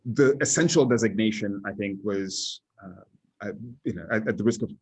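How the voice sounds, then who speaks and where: A man speaking as an industry analyst in a casual podcast discussion, deliberate and often restarting his sentences. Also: on the low side, breathy edge, rough recording.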